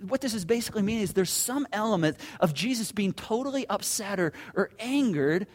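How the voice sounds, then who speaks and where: Male pastor, high voice, earnest sermon delivery, stammered repeats, hushed solemn drops. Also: animated, a little fast. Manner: earnest, repeats words when building a point; drops to a soft, low voice on solemn lines.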